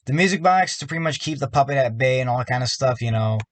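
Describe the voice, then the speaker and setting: A man ranting about a video game, rambling and filling pauses with "you know" in an upset, worked-up way. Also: mid-range voice, lively intonation, no echo. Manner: rambling, fillers, frustrated. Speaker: YouTuber.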